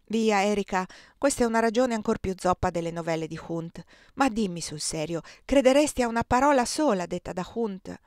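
A woman reading an audiobook, voicing a calm, skeptical companion who reasons in a measured way. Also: medium pitch, no echo, studio quality, close to an everyday voice.

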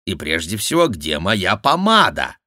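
A man reading an audiobook, voicing a cheeky, theatrical court jester with a high mocking voice. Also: wildly swooping pitch, unhurried, bright, forceful tone, no room sound, clean studio sound, exaggerated voice. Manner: mocking, shrill exclamations, mimicking. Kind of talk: audiobook character voice.

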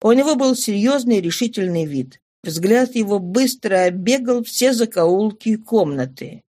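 A woman reads a classic novel aloud as an audiobook narrator. Her voice sits at a middling pitch, and she keeps the storytelling even and measured. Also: dry recording.

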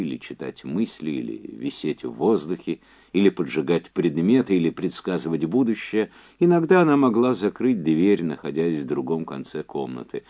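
A man narrating an audiobook in a measured, even storytelling manner. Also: a bass voice. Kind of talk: scripted narration.

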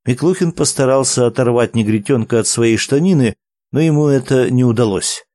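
A man narrating a story aloud in a calm, measured way. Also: mid-range voice, dry recording. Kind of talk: audiobook narration.

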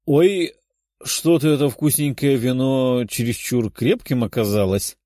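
A man voicing a brash, tipsy young phoenix princess who shouts and teases in an audiobook. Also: medium pitch, unhurried, no room sound, studio quality, close to an everyday voice. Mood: boastful. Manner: loud, boastful, teasing.

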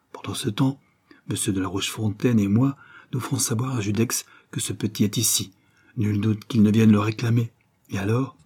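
A man reading an audiobook, voicing a scheming grown woman who persuades in a smooth, coaxing way. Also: on the low side, mellow.

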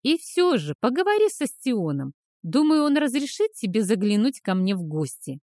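A woman's voice: fairly high pitch, big pitch swings, normal speed, a little mellow, no echo, clean studio sound. A woman reading the part of a kindly, absent-minded older male scholar in an audiobook, talking fussily. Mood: kindly, fussy.

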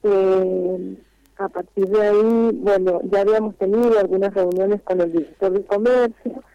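A woman speaking over a phone line on speakerphone, calling in to a radio interview as a vendors' spokesperson. She explains at length, earnestly, with frequent pauses. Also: mid-range voice, fairly even intonation, warm tone, no room sound.

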